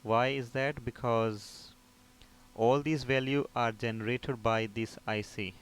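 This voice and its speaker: At a medium pitch with a steady tone, a man takes it slowly through an informal, step-by-step technical tutorial. The repair technician instructor explains by posing questions and answering them himself, and the recording has a clear background.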